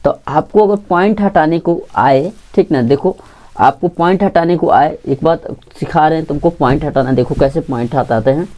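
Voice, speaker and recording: In a low, mellow voice and at a moderate pace, a woman teaches an online math lesson for exam preparation. She keeps posing questions to the class and answering them herself, repeating key points and checking in with "theek" over and over.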